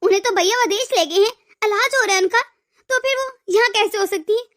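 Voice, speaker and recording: A woman's voice: very high-pitched, fairly quick, fairly bright tone. A woman voicing an emotional young wife and devoted daughter in a cartoon story, often stammering over her words. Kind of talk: cartoon voice acting.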